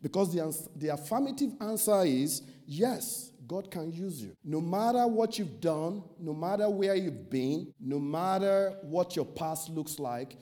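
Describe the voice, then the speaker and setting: Male preacher, high voice with a warm dark tone, emphatic sermon delivery. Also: expressive, a little slow, few pauses. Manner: emphatic preaching with rhetorical questions and lists.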